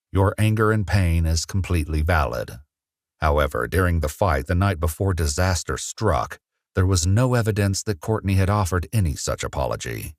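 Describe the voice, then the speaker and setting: A man narrating a true-crime documentary in a measured, serious, scripted way. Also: low-pitched, no echo, clean studio sound.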